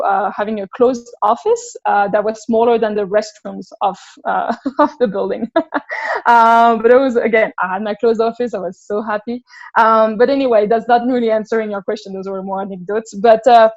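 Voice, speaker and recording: A woman's voice: on the high side, steady tone, moderate pace, a little mellow, highs cut off. Woman with a French accent, candid. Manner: candid, thinks aloud with frequent restarts. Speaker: interview guest. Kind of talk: casual conversational interview.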